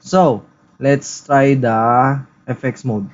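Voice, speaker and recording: A man with a Filipino accent hosts a casual tech review and demo, switching relaxedly between English and Tagalog and often saying "uh" and "so." His mid-range voice takes its time, and the recording through a headset's built-in mic sounds muffled.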